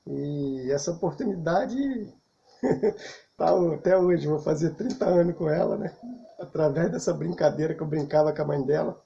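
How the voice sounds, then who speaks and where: A Brazilian man in his fifties tells a story in a relaxed, talkative way, with frequent chuckles. His voice is a little high for a man, yet mellow and soft-edged. The recording is muffled and lo-fi. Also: moderate pace, creaky. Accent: Brazilian Portuguese. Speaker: channel host telling a personal story. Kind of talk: casual storytelling.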